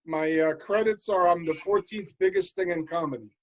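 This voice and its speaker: A man who is a comedian co-hosting a casual chat, setting up deadpan punchlines. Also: high-pitched, moderate pace, highs cut off. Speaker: comedian co-host.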